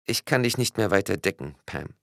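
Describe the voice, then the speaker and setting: A man's voice: lowish voice, lively intonation, brisk, vocal fry, a bit bright, dry recording, studio quality, voice pushed up. A man voicing a stunned, self-pitying male tax official speaking in a plaintive tone, in a read-aloud crime story.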